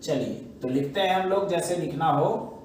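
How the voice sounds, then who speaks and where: Man teaching shorthand real slow and patient, bit high voice, room echoes a lot. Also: darkish tone, distant mic, a little hiss or hum. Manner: patient, step-by-step, asks and answers own questions. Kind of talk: slow classroom explanation.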